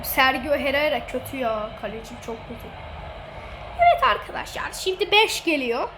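Very high-pitched woman gloating over a game. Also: big pitch swings, normal speed. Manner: teasing, gloating, laughing often. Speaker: gamer streamer. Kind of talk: excited gameplay commentary. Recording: noisy game audio behind.

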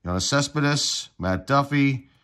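The host of a card-collecting channel sits at a table indoors, casually commenting as he opens packs and rattles off player names in a relaxed way. Getting over a cold, he sounds congested, with a mid-range voice and a slow pace.

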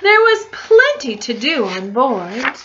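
Woman reading a kids storybook, swoopy high voice, slow and chatty, muffled lo-fi sound. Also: background noise. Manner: animated, with questions and asides to young listeners. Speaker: storytime reader. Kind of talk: reading a picture book aloud to children. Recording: dull lo-fi recording.

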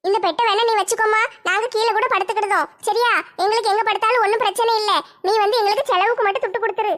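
Woman doing a high-voiced sly coaxing schemer. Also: fairly even intonation, rapid-fire, fairly bright tone. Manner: coaxing, soothing. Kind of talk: comedy sketch acting.

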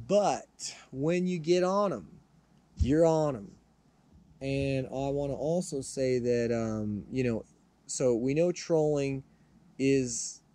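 A Californian man talks through fishing tips at an unhurried pace, stretching his words out. His voice sits at an ordinary middle pitch, and he rambles, circling back with fillers and restarts as he goes. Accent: Californian English. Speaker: fishing channel host. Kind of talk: casual spoken fishing tips.

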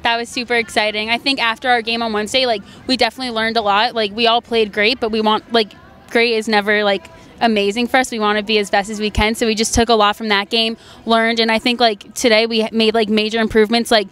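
A woman's voice: a little high, little pitch movement, fast talker, a bit bright, clear, resonant tone. Bubbly young woman athlete, "like"-filled. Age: young adult. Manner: bubbly, peppers talk with "like". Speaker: college player. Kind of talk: postgame interview. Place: outdoor stadium by a sports field. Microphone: handheld interview mic held in front.

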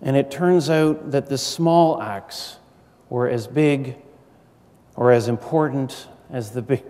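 A middle-aged man giving a prepared formal speech as a university lecturer, measured and earnest, with deliberate rhetorical pauses. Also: medium pitch, mellow. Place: large university auditorium stage. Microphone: gooseneck podium microphone. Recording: echoey hall with long reverb.

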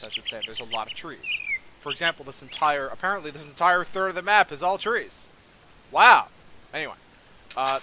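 A man's voice: mid-range voice, bright, forceful tone, slight background noise. A young man giving a casual, rambling walkthrough of a strategy game, full of fillers and self-deprecating asides. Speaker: game tutorial presenter. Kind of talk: casual gameplay commentary.

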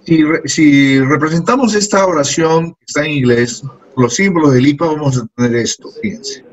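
A man's voice: on the high side, moderate pace, muffled recording. A man teaching an English class in to a group of students, patiently repeating words and phrases. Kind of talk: classroom lesson.

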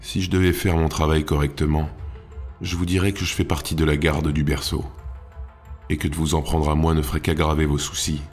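A man voicing a cool-headed, menacing city guard who speaks calmly and steadily. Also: extremely low pitch, a little fast, faint music behind. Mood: cold. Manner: calm, steady, cold.

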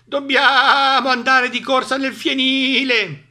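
A man's voice: extremely high pitch, flat delivery, slow pace, bright, forceful tone, pitched above the performer's own voice, heavily acted. A man voicing a flock of frightened sheep who bleat and tremble as they talk.

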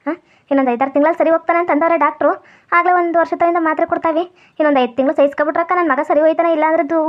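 A woman playing a fretful, pleading village mother in a comedy skit, speaking. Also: very high voice. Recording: dull lo-fi audio.

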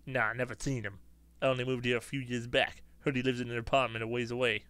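A man's voice: mid-range voice, little pitch movement, fast, fairly bright tone, clean tone, no echo, natural voice. Game NPC: a man voicing a middle-aged neighbor man, folksy, nosy, chatty. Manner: folksy, nosy small talk.

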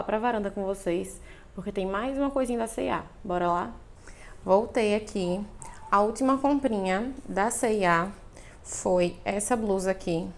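A young woman films a casual try-on haul vlog by the balcony window of her apartment living room, chatting directly to viewers with lots of cute diminutives. Her voice is medium-pitched and a little mellow, recorded on a clip-on lapel mic.

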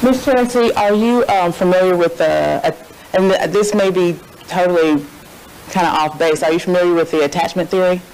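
A woman's voice: on the low side, moderate pace, darkish tone, a little hiss or hum, poor audio. A woman questioning a witness in a courtroom, hesitant with many fillers but pointed in her questions. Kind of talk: courtroom cross-examination.

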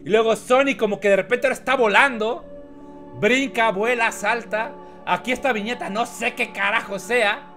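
A man's voice: very high voice, fairly even intonation, moderate pace, sharp tone, faint music behind. A man reading a comic on a live stream, laughing often and joking with his chat.

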